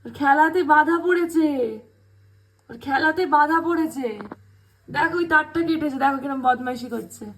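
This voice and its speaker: A woman's voice: sits high, steady tone, moderate pace, pauses often, a little hiss or hum, poor audio. A young woman at home, talking to her pet bird and scolding it with playful mock threats and lots of repetition. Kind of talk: casual talk to a pet. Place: at home, rented house.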